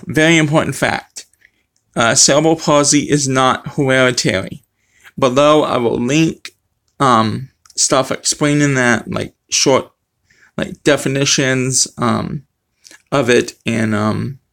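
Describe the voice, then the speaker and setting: Male vlogger, middle-aged, gravelly, speech impediment affecting R and W, rambling informal delivery. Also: medium pitch, fairly bright tone. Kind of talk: casual talk to camera. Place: small room at home. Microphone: webcam or phone close to face.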